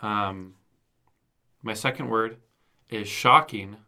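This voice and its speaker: A man's voice: on the low side, takes it slowly, pushed and bright. A young man co-hosting a casual movie review podcast, talking playfully and laughing often. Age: young adult. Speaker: podcast co-host.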